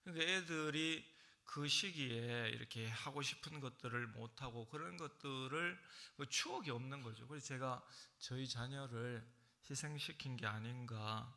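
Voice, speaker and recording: Middle-aged pastor guy, gyeongsang accent, really bright sharp tone, chatty storytelling sermon. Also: normal speed, gravelly. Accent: Gyeongsang Korean. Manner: conversational storytelling, acting out quoted voices with sudden loud high bursts. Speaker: senior pastor. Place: church sanctuary.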